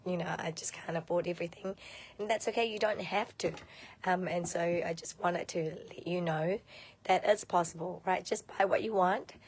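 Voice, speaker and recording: A woman with a hoarse, half-lost voice that breaks into whispers, chatting informally and hesitantly as she hosts a casual live craft tutorial. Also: lowish voice. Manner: informal, hesitant, thinking aloud. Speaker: craft demonstrator hosting a livestream.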